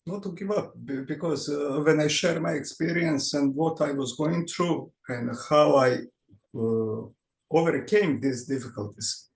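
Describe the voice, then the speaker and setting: A man from Serbia with a Serbian accent, speaking halting English on a group call, often searching for words and repeating himself. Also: fairly high pitch, gravelly, roomy sound, low-quality recording.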